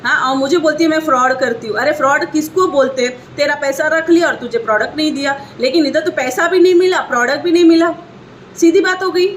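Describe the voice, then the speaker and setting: A woman's voice: high-pitched, fairly quick, a little hiss or hum. A young woman, an online seller, venting angrily in a vlog about a customer who cheated her, repeating her points with heat. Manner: indignant, ranting, repeats points. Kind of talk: angry complaint vlog.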